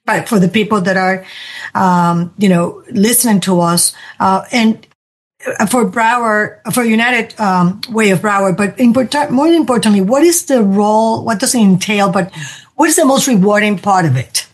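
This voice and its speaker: A woman hosts a podcast interview in a chatty, upbeat way. She restarts her phrases and circles back as she talks. Her voice sits at an ordinary middle pitch. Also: normal speed, breathy edge. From spent twenty years in New York. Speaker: podcast host. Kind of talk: conversational interview.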